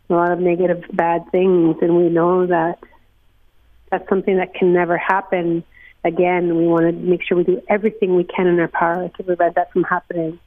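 A woman's voice: fairly low pitch, no room sound. A woman from northern Manitoba, interviewed by phone, speaking earnestly and reflectively with many fillers. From northern Manitoba, Canada. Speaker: interview guest, executive director of a watershed alliance. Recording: tinny phone line.

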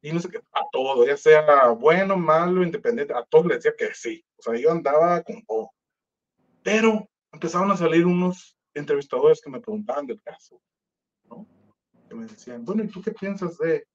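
Man, Mexican Spanish accent, casual slangy storytelling, slightly high voice, muffled lo-fi sound. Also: normal speed. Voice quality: slangy, animated, acts out quoted voices. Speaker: musician telling his story.

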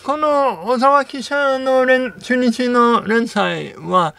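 A man's voice: extremely high pitch, vocal fry, pushed and bright, clean tone, no echo. Nasal male guest with English as his first language. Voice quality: nasal, air escaping through the nose. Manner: slow, halting, with many fillers. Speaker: guest seismologist. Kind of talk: radio interview.

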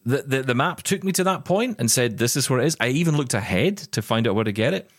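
A blind podcast co-host describes his progressive vision loss in a casual, rambling chat, often repeating words as he starts sentences. His medium-pitched male voice has lively intonation and a fast pace, captured in a dry, clean studio recording.

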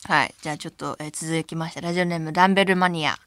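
A woman co-hosting a radio podcast, teasing and laughing in casual banter and reading listener mail in a calmer tone. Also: racing, dry recording. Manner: teasing, laughs often, reads mail in a lower calm tone.

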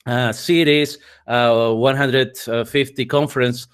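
Speaking English as a guest in a remote interview, a Spanish-speaking head of communications in his forties often repeats words while searching for them. He is a native speaker from a Spanish-speaking country, with a medium-pitched, steady, fairly bright voice, talking slowly. The remote call microphone gives a clean sound.

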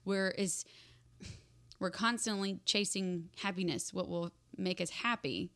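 A woman's voice: medium pitch, a little slow, a bit bright. A woman co-hosting a faith podcast in casual conversation, chiming in with quips and asides. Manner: chatty, chimes in with quips and asides.

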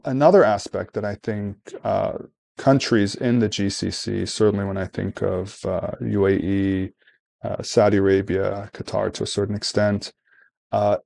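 A man from Sudan talks through policy questions in an interview, measured and deliberate, often pausing and restarting. His voice sits low with a gravelly edge. The recording is dry and close. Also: a little mellow, dry recording. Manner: measured, thoughtful, frequent fillers and restarts. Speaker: guest, think-tank program director. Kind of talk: conversational interview.

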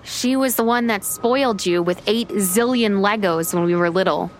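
An actress playing an anxious, uptight young American bride-to-be and affectionate big sister in a naturalistic audio drama. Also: female voice, mid-range voice, moderate pace, slight background noise, natural voice. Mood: warm, proud. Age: young adult. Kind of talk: scripted audio drama, naturalistic dialogue and narration.

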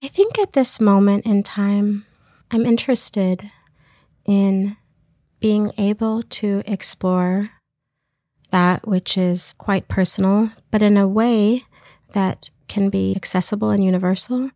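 A woman's voice: medium pitch, steady tone, slow pace, mellow, no echo, studio quality. A woman filmmaker talking thoughtfully in an interview, searching for her words as she reflects on her work. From Iraq. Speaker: filmmaker guest.

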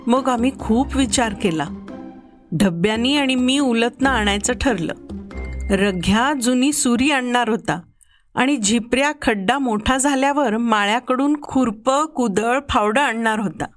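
A woman's voice: fairly high pitch, measured pace, faint music behind. Woman narrating a children's story. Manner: acts out each child's voice with lively shifts.

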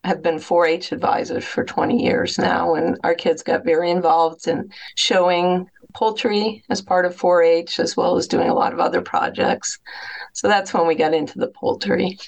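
A middle-aged woman from New England, a guest telling relaxed stories in a casual interview. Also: lowish voice, normal speed, gravelly.

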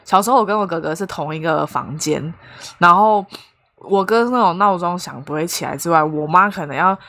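A woman's voice: fairly low pitch, a little fast, a bit bright. A woman, co-hosting a podcast in a casual, playful and teasing way. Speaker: podcast co-host. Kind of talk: casual chat.

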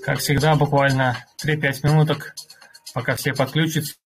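A man with a slightly husky voice hosting an online workshop, addressing listeners in a courteous customer-service manner. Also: fairly high pitch, flat delivery, normal speed, faint music behind. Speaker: host of an online crypto community workshop. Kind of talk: polite announcing to online listeners.

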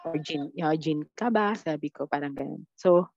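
A woman telling her experiences as a podcast guest, quoting her own dialogue in a blunt, animated way. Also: low-pitched, moderate pace, gravelly, dry recording, muffled recording. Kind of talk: casual storytelling chat.

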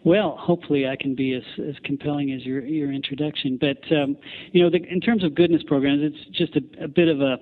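A man with a Canadian accent being interviewed, explaining his company in halting, measured corporate language. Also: on the high side, steady tone. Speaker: company founder, interview guest. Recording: tinny phone line.

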